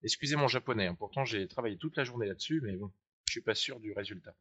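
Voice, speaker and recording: A man's voice: lowish voice, quick pace, pushed and bright, breathy edge. A man teaching a live webinar tutorial on trading charts, chatty and explanatory, asking viewers to click along. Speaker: trading software trainer. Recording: dull lo-fi sound.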